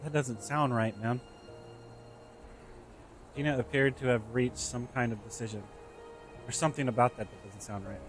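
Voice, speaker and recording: A man's voice: medium pitch, fairly even intonation, moderate pace, pauses often, faint music behind. A man on a live stream who reads a game's dialogue aloud and keeps stopping to question its grammar. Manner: reads lines aloud, stops to pick apart the grammar. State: eating while talking. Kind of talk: live-stream game reading and commentary.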